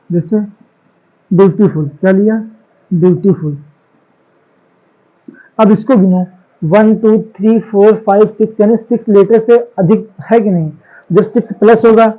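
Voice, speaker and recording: A man's voice: sits high, mellow. A male teacher giving a classroom grammar lesson. He keeps asking questions and answering them himself, repeating the key words. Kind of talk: classroom lecture on English grammar. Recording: dull lo-fi classroom recording.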